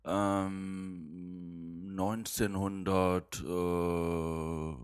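A man's voice: sits low, level tone, very slow, smooth, no room sound, studio quality. A man, a drag artist, answering interview questions in a coy, teasing way.

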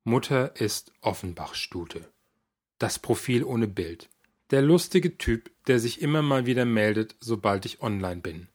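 A man's voice: medium pitch, animated, normal speed, darkish tone. A man narrating a first-person story in a wry, dryly exasperated manner. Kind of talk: first-person audiobook reading.

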